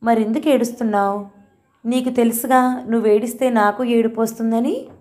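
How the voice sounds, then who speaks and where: A loving grandmother in a storybook reading, tender and coaxing as she comforts a crying child, voiced by a woman narrator. Her tone is warm and mellow, slow and patient, close to the reader's own voice. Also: a little high, fairly even intonation, pitched above the performer's own voice, lightly acted. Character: loving grandmother, gentle and soothing.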